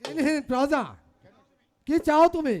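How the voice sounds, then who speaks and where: An actor playing an authoritative royal commander in Bengali jatra folk theatre, with brisk, declamatory delivery. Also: male voice, very high-pitched, steady tone. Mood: commanding.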